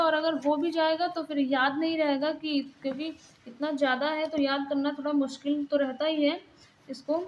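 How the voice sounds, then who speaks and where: A woman's voice: high voice, a little hiss or hum, poor audio. A young woman giving a casual exam-prep lesson, explaining plainly while pointing things out in a book.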